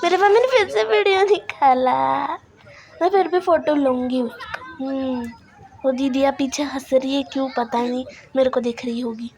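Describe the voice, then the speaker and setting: A woman's voice: high-pitched, normal speed, a little mellow. A woman narrating her own vlog in a chatty, self-mocking way. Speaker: vlogger. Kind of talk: casual vlog voice-over.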